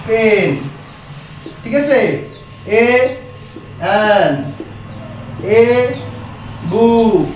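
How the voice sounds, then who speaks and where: High-voiced man teaching in an echoey room. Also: a little hiss or hum. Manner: repetitive, checks in with "right?" often. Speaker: English grammar teacher. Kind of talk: classroom grammar lesson. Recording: echoey room, mic far away.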